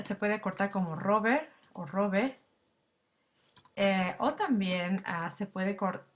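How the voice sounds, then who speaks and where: Female language instructor, recorded slide lecture, mid-pitched, explanatory, lots of fillers and tag questions.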